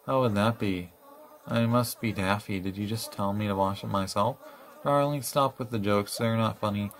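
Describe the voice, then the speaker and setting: A man's voice: mid-range voice, a little hiss or hum, lightly acted. A man voicing Gracie, a haughty female giraffe fashion designer in a video game, reading her lines in a condescending tone that keeps calling the listener darling. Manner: condescending, calls everyone darling.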